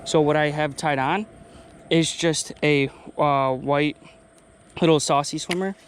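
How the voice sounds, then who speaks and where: A man vlogging outdoors by a pond, talking excitedly and a bit out of breath straight to his viewers. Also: a little high, unhurried, slight background noise. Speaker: fishing vlogger. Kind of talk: casual outdoor vlog narration. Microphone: action camera.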